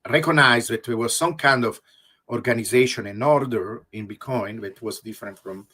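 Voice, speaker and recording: A man with an Italian accent, a guest explaining ideas in conversation, halting often with fillers and restarts. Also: mid-range voice, sharp tone. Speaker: guest physicist.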